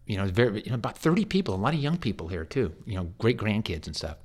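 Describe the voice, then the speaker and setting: A man's voice: fairly low pitch, sing-song, fast. A man, a hospice chaplain, telling a long story in an earnest, rambling way, repeating words as he goes. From United States. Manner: earnest and pastoral. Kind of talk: storytelling in a faith interview.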